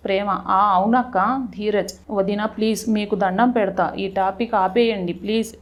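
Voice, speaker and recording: Female recapper, mid pitch, chatty retelling of a TV serial with quoted dialogue. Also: fairly even intonation, highs cut off. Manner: quick retelling with frequent restarts and self-corrections.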